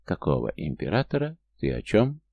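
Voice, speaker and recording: A man's voice: lowish voice, huge pitch swings, normal speed, gravelly, no room sound, highs cut off, voice pushed up, full character voice. A man reading an audiobook, voicing a young princess and pregnant wife who is frightened, accusing and pleading. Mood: shocked.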